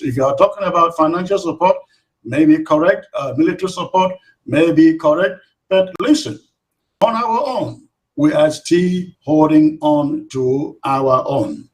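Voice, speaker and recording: A man who is a guest in an interview, speaking in a firm, steady way and restarting phrases. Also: on the high side, low-quality recording. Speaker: guest, activist. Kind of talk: interview answers.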